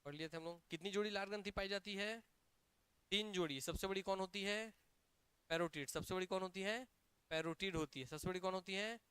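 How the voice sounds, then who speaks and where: Man, teacher, Chhattisgarhi Hindi accent, smooth clear voice, energetic question-and-answer lecture. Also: high-pitched, a little fast, dry recording. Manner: drills students with repeated questions and answers; energetic, emphatic. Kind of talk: classroom lecture.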